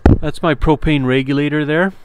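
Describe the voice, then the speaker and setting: A man giving a relaxed walkthrough of his trailer build, explaining as he goes with some fillers. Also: on the high side, normal speed, clean tone, no room sound. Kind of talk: casual walkthrough tour. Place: inside a converted cargo trailer.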